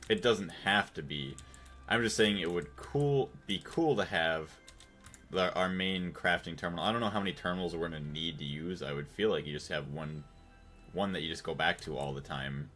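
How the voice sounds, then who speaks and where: Deep-voiced American man streaming casually. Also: fairly bright tone. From United States. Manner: rambling, thinks aloud, reads and thanks chat. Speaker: gaming livestreamer. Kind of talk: casual live-stream chat while playing.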